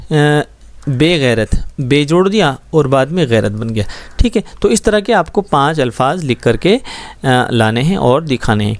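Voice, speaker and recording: A man's voice: medium pitch, dry recording. A man teaching a schoolbook Urdu lesson, explaining words patiently and often checking that students follow. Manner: patient, explains slowly with frequent check-ins.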